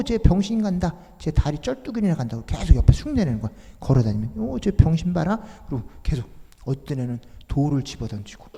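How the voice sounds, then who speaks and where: A man's voice: medium pitch, mellow. A man preaching a children's sermon as a pastor, asking the children questions and acting out the voices in his story. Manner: asks children questions, acts out quoted voices. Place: church hall. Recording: long hall reverb.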